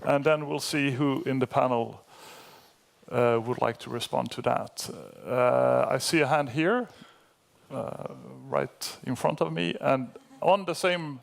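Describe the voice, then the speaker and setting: A man's voice: medium pitch, takes it slowly, gravelly. A man moderating a panel discussion, polite and brief as he hands over the floor.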